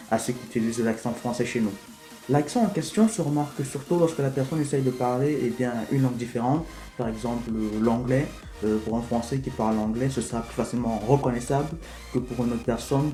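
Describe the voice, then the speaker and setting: A man from Africa explains things slowly and with some hesitation in a casual vlog. His voice is soft and mellow. The room has a noticeable echo, and faint music plays underneath. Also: mid-range voice. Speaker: vlogger.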